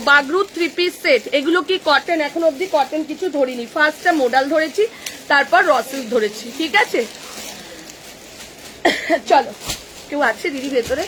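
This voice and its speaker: A woman with a Kolkata Bengali accent, selling clothes on a live stream, brisk and chatty as she reels off sizes and prices. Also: high voice, pushed and bright, a little hiss or hum, poor audio. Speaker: online kurti seller. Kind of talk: live-stream sales pitch. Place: clothing shop.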